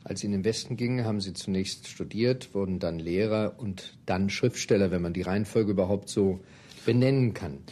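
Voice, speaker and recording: A man with a low, warm voice conducts an interview in a formal, courteous manner. He asks long, prepared questions in measured sentences.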